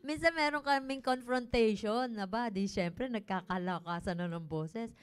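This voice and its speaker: A woman's voice: on the high side, normal speed, smooth. A woman co-hosting a church talk show, laughing as she tells stories about her own marriage.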